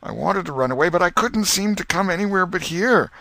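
A man's voice: sits high, lively intonation, brisk, gravelly, sharp tone, no echo, voice pushed up, exaggerated voice. A man voicing a sobbing, helpless accused man in an audiobook, pleading in rustic, folksy speech with a wailing, moaning tone. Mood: moaning misery.

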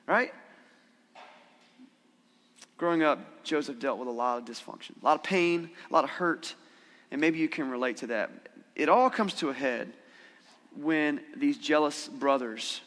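Bright-voiced pastor preaching in a reverberant hall. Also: male voice, on the high side. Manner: conversational, asks the congregation questions. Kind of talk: sermon. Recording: church hall with long reverb.

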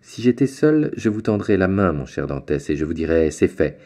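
A man's voice: deep voice, big pitch swings, normal speed, warm tone. A man voicing a jovial, fatherly middle-aged shipowner in an audiobook, hearty and kindly. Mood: paternal. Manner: hearty, paternal.

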